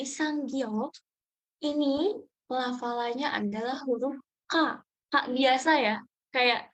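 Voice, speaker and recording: A woman's voice: high voice, poor audio. A young woman teaching a beginner Korean class, patiently repeating each sound several times for her students. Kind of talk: online language class.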